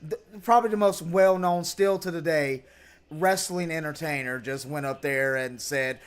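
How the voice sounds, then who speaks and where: High-voiced excitable male podcast host. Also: clear, resonant tone. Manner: excitable, swears freely, quick reactions. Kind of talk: casual wrestling podcast chat.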